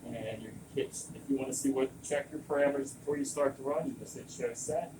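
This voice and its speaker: Man giving informal equipment training over loud machinery. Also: medium pitch, fast talker. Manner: informal, rambling, digressing. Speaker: equipment trainer, service technician. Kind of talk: hands-on equipment training, casual explanation. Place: room with running lab machinery. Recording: distant mic, loud machine noise. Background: loud compressor and vacuum pump noise.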